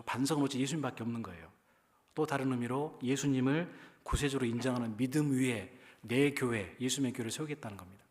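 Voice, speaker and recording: A male pastor from the Jeolla region of Korea with a Jeolla accent, preaching a sermon in a conversational way and often putting questions to the congregation. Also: medium pitch. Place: church.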